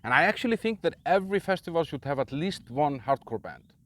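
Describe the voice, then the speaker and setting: A man's voice: a little high, sing-song, a little fast, a bit bright. Icelandic man reviewing a metal festival. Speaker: metal channel host.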